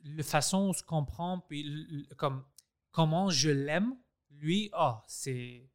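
A man's voice: on the high side, takes it slowly, clean tone. A man speaking French with an English accent, a podcast host chatting animatedly and acting out what others said. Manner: animated, acts out quoted dialogue, mixes in English words. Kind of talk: casual conversation.

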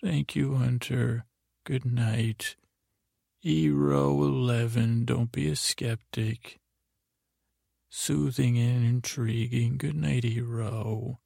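A man hosting a sleep podcast in the calm, gentle, rambling manner of a bedtime story narrator. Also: medium pitch, slow, vocal fry, no echo, clean studio sound. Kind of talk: soothing bedtime sleep-story narration, saying good night to listeners.

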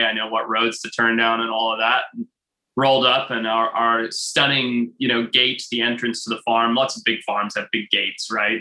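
A man from Zimbabwe with a very bright, forceful voice tells stories in an interview. He talks with animated energy and laughs often. His voice rings in an echoey room. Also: mid-range voice. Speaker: wildlife biologist, author. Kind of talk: interview conversation.

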